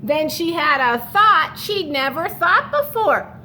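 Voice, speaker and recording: Reading a picture book to children like a teacher, a woman draws out important words and pauses to explain things for her young audience. Her high voice has a sharp tone and big pitch swings, her pace is slow, and a little background noise is audible.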